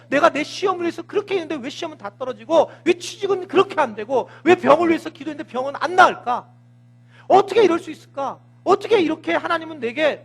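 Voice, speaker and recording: A man preaching a sermon as pastor, telling the story with animated, acted-out scenes. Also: very high-pitched, vocal fry.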